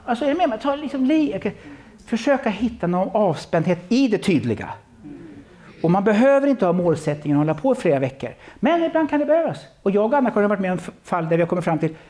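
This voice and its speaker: Man, pastor, sermon, lively pitch, fairly high voice, frequent restarts. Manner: animated storytelling with many restarts.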